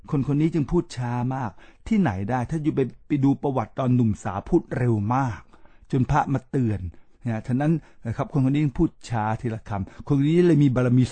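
A man hosting a podcast, giving a motivational talk with slow emphatic repetitions and speaking straight to his listeners. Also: medium pitch, dark tone, no room sound. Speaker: podcast host.

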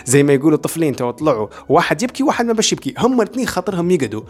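A man with a Libyan Arabic accent, hosting a self-development podcast and explaining ideas in rapid, repetitive lists. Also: on the high side, expressive, breathy edge. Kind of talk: motivational talk.

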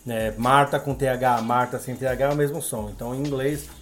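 A man's voice: medium pitch, fairly even intonation, brisk. A man with a Brazilian Portuguese accent, an English teacher who talks as a guest in a casual interview and explains patiently, often adding tag questions.

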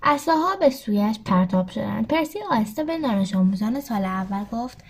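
A woman's voice: a little high, expressive, breathy edge. A woman reading a storybook aloud, steadily narrating and lifting her voice for quoted lines. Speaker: audiobook narrator.

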